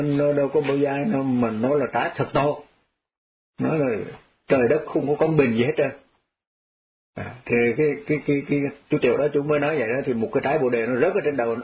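Monk, giving a dharma talk. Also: male voice, mid-range voice. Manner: folksy, repetitive, chuckles while telling parables. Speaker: Buddhist monk teacher. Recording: slightly dull lo-fi audio.

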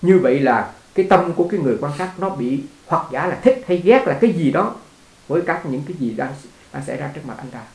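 A man's voice: on the high side, lively intonation, quick pace. A man teaching as a Buddhist teacher in a conversational dharma talk, repeating words and laughing along with his listeners. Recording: echoey room.

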